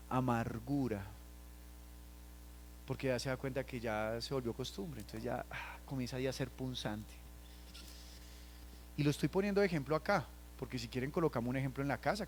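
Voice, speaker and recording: A man from Colombia, preaching a sermon and acting out everyday scenes in quoted voices, dropping to a hush and then rising loud. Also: medium pitch, slight background noise. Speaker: pastor.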